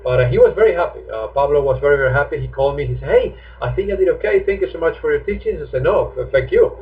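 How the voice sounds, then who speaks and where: Answering students live online, a jokey, talkative English teacher in his 50s speaks fast with a slightly high voice and lively intonation. The audio has a tinny, phone-like stream quality.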